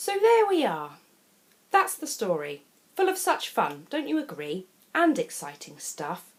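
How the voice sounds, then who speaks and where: With huge swings in her mid-range voice, an English woman unhurriedly reads a children's picture book. Her delivery is expressive and theatrical, sprinkled with chatty asides to whoever is listening.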